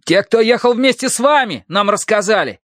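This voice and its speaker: A man voicing an angry male army archer who shouts his accusations in defiance. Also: high voice, animated, a little fast, no echo, studio quality, voice pushed up. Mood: shouting.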